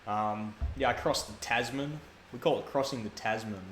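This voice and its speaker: A man's voice: mid-range voice, moderate pace, fairly bright tone. A man telling stories in casual chat, rambling and correcting himself as he goes. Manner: rambling, self-correcting storyteller. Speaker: guest speedrunner. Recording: echoey room, faint background noise.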